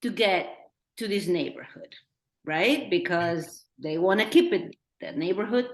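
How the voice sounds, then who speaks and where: A middle-aged woman from Peru with a Peruvian accent, talking earnestly as a director in a Q&A and thinking out loud with restarts. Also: fairly low pitch, expressive, unhurried. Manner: earnest, thinking aloud with restarts and acted-out quotes. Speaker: documentary director. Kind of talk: Q&A discussion. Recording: roomy echo.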